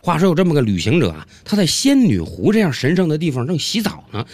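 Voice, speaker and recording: A man's voice: a little high, huge pitch swings, fast, noisy background. A man narrating comic stories in a chatty storyteller style. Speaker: storyteller host.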